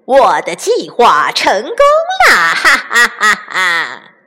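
A woman's voice: a little high, huge pitch swings, slow pace, voice pushed up, full character voice. A woman doing a cackling weasel bandit chief. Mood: gloating. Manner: loud cackling taunts. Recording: long reverb.

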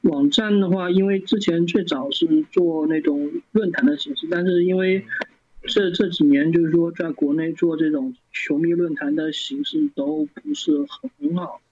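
Man, husky, fairly high voice, stammers and restarts, casual interview guest, dull lo-fi recording. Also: expressive, a little mellow. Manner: halting, many stammered restarts. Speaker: guest, fan site founder. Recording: dull lo-fi sound.

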